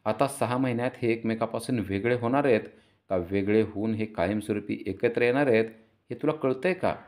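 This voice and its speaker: A man's voice: on the low side, brisk, darkish tone, close to an everyday voice. A man voicing a scheming mother who scolds her daughter sharply and dismissively. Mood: scolding.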